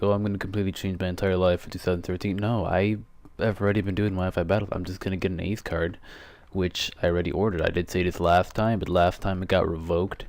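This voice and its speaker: A man's voice: low-pitched, darkish tone, no room sound. A teenage boy casually commenting on an online game battle, rambling and correcting himself, a bit out of breath. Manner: rambling, self-correcting, quick asides. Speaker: gaming YouTuber.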